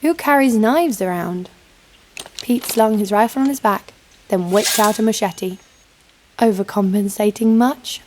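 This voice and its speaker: Unhurried and natural, her mid-range voice carries over background noise and music. She voices a hard-edged knife fighter recounting her own tale in a scripted first-person audio drama, the delivery dry, sardonic, and tense.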